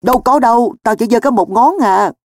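A man voicing a sly, defensive teenage boy who talks loud and high, always protesting. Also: lively intonation, normal speed, no echo, clean studio sound.

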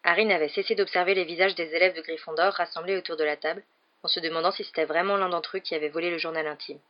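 Low-voiced woman reading an audiobook. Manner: steady measured reading. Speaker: audiobook reader. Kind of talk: audiobook narration. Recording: dull lo-fi recording.

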